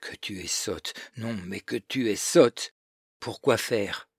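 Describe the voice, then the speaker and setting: A man's voice: lowish voice, takes it slowly, husky, no echo, clean studio sound, heavily acted. A man reading as a smug, cocky schoolboy. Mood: boastful. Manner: boastful, scornful laughter. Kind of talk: audiobook reading of a novel.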